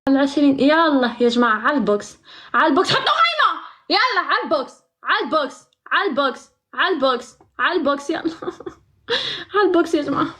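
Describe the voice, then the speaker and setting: A woman hosting a live stream, excitable and laughing, rapidly calling out to viewers. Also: sits high. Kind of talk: casual live-stream chat.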